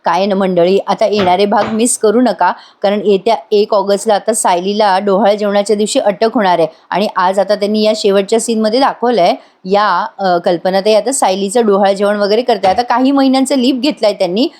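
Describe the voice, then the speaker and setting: A woman's voice: medium pitch, steady tone, a little fast, hardly any pauses, darkish tone. A woman giving a chatty voice-over recap of a TV serial, talking straight to her viewers. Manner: chatty, addresses viewers directly. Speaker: TV serial reviewer.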